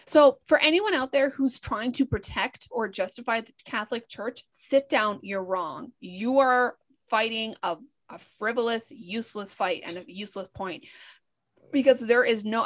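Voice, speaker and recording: A young Canadian woman co-hosts a podcast in casual chat, speaking at normal speed in a voice on the high side. She's heated and blunt, swearing a lot.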